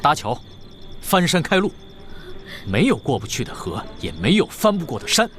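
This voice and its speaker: A flustered young prince. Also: male voice, a little high, huge pitch swings, moderate pace, music in the background. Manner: flustered, rambling.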